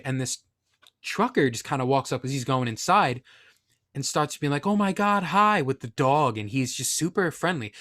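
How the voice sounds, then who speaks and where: A young man with an ordinary mid-range voice tells a personal story in a loose, casual way. He is candid and quick to poke fun at himself, drifting into side comments as he goes. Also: medium pitch, fairly bright tone. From Northeastern US. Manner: candid, self-deprecating, rambling with asides. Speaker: podcast storyteller.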